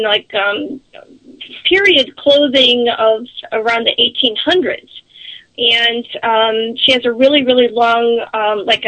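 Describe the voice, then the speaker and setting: A woman guest talking casually on a radio interview, halting as she searches for words. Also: a little high, sharp tone, rough recording. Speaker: psychic medium guest on radio show.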